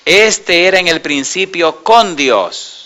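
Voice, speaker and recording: A male preacher delivering a sermon, his voice bright and forceful. He keeps asking the congregation questions and waits for them to answer. When he tells a story he acts out the dialogue and drops from loud to quiet. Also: fairly high pitch, animated, slow pace. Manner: asks the congregation call-and-response questions.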